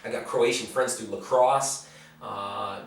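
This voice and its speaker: A man from the United States answers viewer questions bluntly in a casual vlog, rambling, repeating words and swearing freely. His voice is low-ish, gravelly and slow, with fairly even intonation. He is off-mic in a very echoey room, so the microphone sounds distant.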